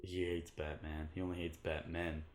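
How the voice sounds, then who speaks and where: A young man with a notably low voice chats casually about eerie places. He tells the story plainly and slips in deadpan jokes. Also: moderate pace. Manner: joking, deadpan asides. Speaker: co-host. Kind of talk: casual chat.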